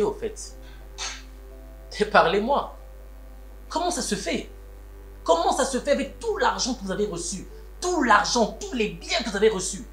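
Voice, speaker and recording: A wealthy Congolese family head. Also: male voice, sits high, a bit bright, heavily acted. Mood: angry, scolding. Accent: Congolese French. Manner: switches between French and Lingala, pleading then scolding. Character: wealthy man protective of his siblings. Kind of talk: Congolese TV series acting. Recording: roomy room with background music.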